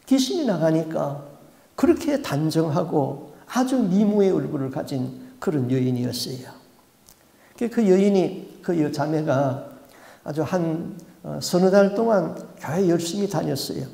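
A man's voice: a little high, animated, a little slow, creaky, mellow. A male pastor preaching a sermon, telling a story vividly and acting out the people in it. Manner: vivid storytelling, acts out voices. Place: church sanctuary. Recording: echoey church hall.

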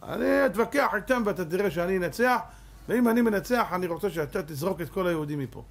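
A man voicing a vengeful priest scheming before a king, in a slightly high, husky voice. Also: animated, heavily acted.

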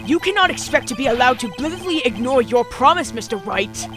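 A woman's voice: high voice, expressive, brisk. A woman voicing an arrogant older male prosecutor, cold and imperious, with a haughty, clipped delivery. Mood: scornful. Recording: game music playing behind.

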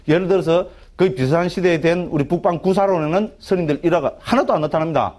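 Fast-talking monk lecturing, Gyeongsang accent. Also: male voice, a little high, a little mellow. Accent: Gyeongsang Korean. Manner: chatty, asks "right?" constantly, many restarts. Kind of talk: Buddhist text lecture to a class.

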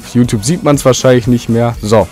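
A man's voice: medium pitch, fairly quick, a little mellow, soft background music. A young man giving casual, rambling commentary over his own gameplay, with sudden jumpy outbursts. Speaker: let's play commentator.

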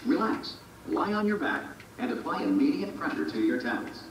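A man's voice: on the high side, sing-song, a little hiss or hum. An actor playing a cheerful pre-recorded male announcer in a science facility. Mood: official. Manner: cheerful, brisk, official. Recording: game audio from a TV, echoey and distant.

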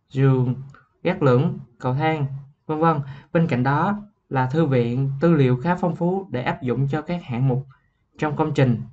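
A young man, a student, explaining software in a class report, halting at times and clearing his throat. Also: a little high, lo-fi sound. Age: young adult. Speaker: student presenter.

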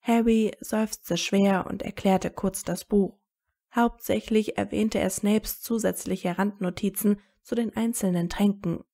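A woman reading a fan fiction story aloud as narrator, calm in the narration and lifting her voice for the characters' lines. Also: medium pitch, measured pace, gravelly.

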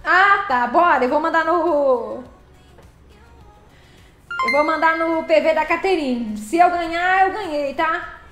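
A woman's voice: extremely high pitch, slow pace, pauses often, fairly bright tone, echoey room, faint music behind. A woman live-streaming a truck game, chatting casually, laughing often and greeting viewers by name.

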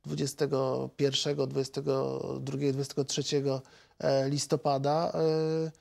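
A man in his forties, a member of parliament, answering questions in a TV studio interview in a measured, hesitant way with many filler sounds. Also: medium pitch, flat delivery, vocal fry, darkish tone. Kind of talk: televised political interview. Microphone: lapel mic.

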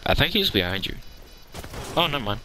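Wildly animated guy bantering mid-game. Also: medium pitch, a little fast, soft background music. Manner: bantering while playing. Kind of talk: casual gaming voice chat. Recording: noisy online voice chat.

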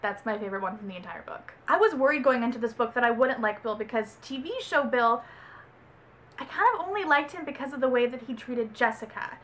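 A woman's voice: on the high side, expressive, a little fast, a bit bright. A young woman from Texas chatting casually about a book she read, rambling and correcting herself as she goes. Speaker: book reviewer. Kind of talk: casual book review vlog.

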